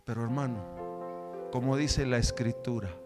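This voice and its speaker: A man pastor preaching a sermon with fervent rhetorical questions, swinging between loud emphatic lines and quiet low ones. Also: moderate pace, music in the background.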